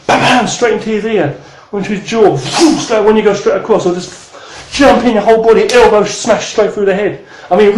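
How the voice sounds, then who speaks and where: A man's voice: sits high, roomy sound, a little hiss or hum, poor audio. A man in his thirties teaching martial arts in a rambling, casual way, swearing and then apologizing. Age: 30s.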